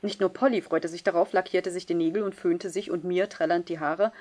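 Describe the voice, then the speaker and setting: A woman reading a first-person novel aloud in a measured, subdued way. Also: fairly low pitch, steady tone, darkish tone. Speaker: audiobook reader. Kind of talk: scripted first-person narration.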